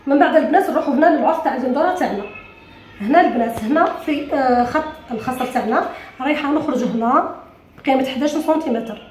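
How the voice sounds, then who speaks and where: Fast-talking Algerian woman teaching sewing. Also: high voice, a little mellow, echoey room. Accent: Algerian Arabic. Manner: talks quickly to viewers, often correcting herself. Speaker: sewing instructor. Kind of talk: sewing tutorial. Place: room at a cutting table.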